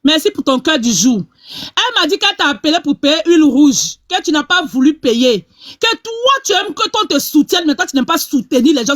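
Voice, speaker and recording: A woman's voice: high-pitched, a bit bright, no room sound, studio quality. A woman hosting a gossip live stream, scornful and insulting. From Ivory Coast. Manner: scornful, insulting, talks fast.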